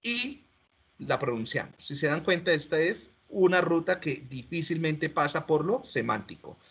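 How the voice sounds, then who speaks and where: Man, lecturer, husky, asks questions, lo-fi call audio. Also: a little high, expressive, normal speed, a bit bright. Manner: explanatory, asks students questions, frequent restarts. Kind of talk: online class lecture. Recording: dull lo-fi audio.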